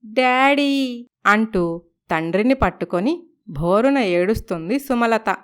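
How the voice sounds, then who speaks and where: A woman narrating a cartoon moral story in a steady, scripted storytelling manner. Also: fairly high pitch, takes it slowly, clear, resonant tone.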